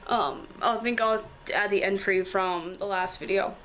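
A teenage girl, hoarse from a cold, chatting apologetically with lots of fillers as she films a tour of her bedroom. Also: mid-range voice, a little slow, fairly bright tone, a little hiss or hum, rough recording. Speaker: vlogger. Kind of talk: casual room tour vlog. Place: bedroom at home.

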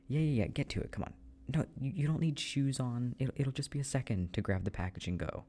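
A man's voice: medium pitch, expressive, normal speed, long pauses, warm tone. A man in a whispered role-play, teasing and coaxing with frequent laughs. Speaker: ASMR role-play creator.

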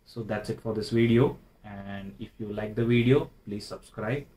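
A man giving a casual, unhurried how-to narration, explaining things plainly step by step. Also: on the low side, dark tone. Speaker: motovlogger, presenter.

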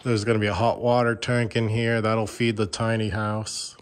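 Holding his phone camera outdoors, a man from Vermont gives a straightforward, casual tour of his building site. His voice sits on the low side, with a level tone and a moderate pace.

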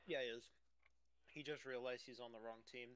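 A man's voice: medium pitch, steady tone, fairly quick, a bit bright. A young man streaming a shooter game with friends, trading crude, joking trash talk. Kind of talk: casual gaming banter.

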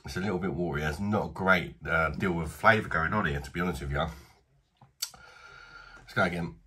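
A man in his thirties, British-accented, gives a chatty, blunt beer review in a small home bar, often at his own expense. He speaks fairly quickly in a low, bright voice that's forceful and slightly rough.

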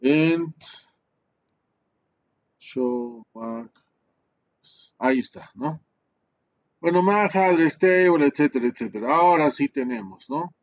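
A man's voice: fairly high pitch, lively intonation, normal speed, creaky. A man teaching networking in a screen-recorded tutorial, thinking aloud, muttering, and tagging his sentences with questions to the class. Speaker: networking instructor.

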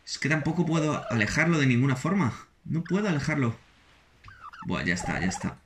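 A man with a Spain Spanish accent commenting on his own gameplay as a channel host, excitable and quick to repeat words in anxious bursts. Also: medium pitch, a little hiss or hum. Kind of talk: let's play commentary.

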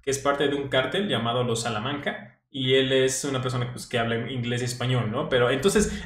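A man's voice: medium pitch, steady tone, fairly quick, fairly bright tone, echoey room. A man hosting his own channel, giving a chatty, enthusiastic language lesson with frequent restarts. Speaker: language teacher and channel host. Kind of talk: casual educational commentary.

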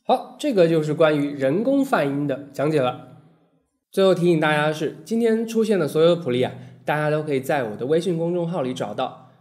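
Patient male guitar teacher, fairly high voice. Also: lively intonation, brisk, a little mellow. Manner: patient step-by-step instruction with frequent "hao" and "ai" fillers. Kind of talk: fingerstyle guitar lesson. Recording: guitar playing between phrases.

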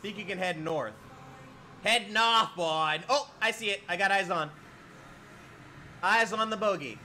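A man streaming a flight game live, chatting excitably, swearing and laughing at himself. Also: high voice, a little slow, slight background noise. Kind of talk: live-streamed gameplay commentary.

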